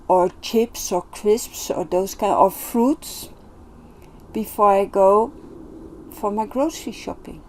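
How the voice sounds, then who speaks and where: A self-development vlogger, a woman with a fairly high, mellow and soft voice, reflects on her life in an unhurried monologue. She sounds gentle and earnest, often pausing and restarting as she collects her thoughts.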